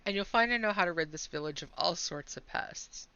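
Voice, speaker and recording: A woman's voice: fairly low pitch, animated, a little fast, sharp tone, clear, resonant tone, dull audio. A woman reading as a stern loner hunter, Hassan. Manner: reads game dialogue aloud with dry, curt delivery. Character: stern solitary male hunter guarding the woods.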